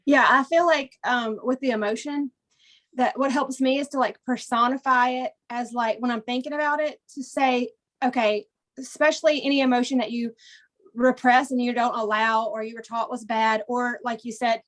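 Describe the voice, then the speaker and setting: Higher-voiced woman host musing. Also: fairly even intonation, moderate pace, fairly bright tone. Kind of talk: casual conversation.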